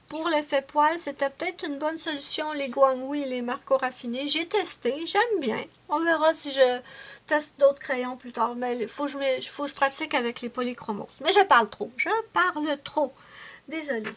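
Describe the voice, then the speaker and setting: A woman with a Québécois accent, chatting casually and rambling warmly to her viewers as she shows her finished coloring pages. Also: sits high, normal speed. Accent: Quebec French. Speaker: adult coloring channel host. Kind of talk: casual show-and-tell chat. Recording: clear steady background noise.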